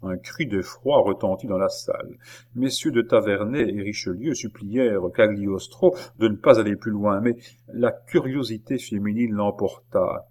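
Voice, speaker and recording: A man reading a classic novel aloud in measured, even narration. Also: fairly low pitch. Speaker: audiobook narrator.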